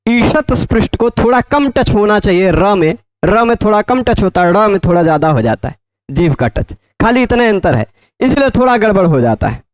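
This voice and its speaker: A man teaching Sanskrit grammar in a lecture, often asking his students check questions and repeating terms slowly. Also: high-pitched, very animated, no echo. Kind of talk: explanatory lecture.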